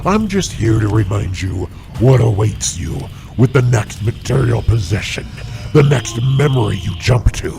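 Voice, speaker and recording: A man voicing a disembodied male creature that feeds on sorrow, speaking slowly with a taunting, menacing manner. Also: lowish voice, expressive, vocal fry, over music. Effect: disembodied voice from nowhere. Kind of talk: audio drama acting.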